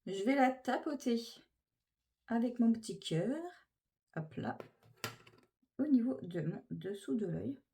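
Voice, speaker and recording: A woman's voice: on the high side, expressive, measured pace, vocal fry, long pauses, dark tone. A woman chatting casually through a makeup tutorial, gushing with enthusiasm over each product. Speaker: beauty vlogger.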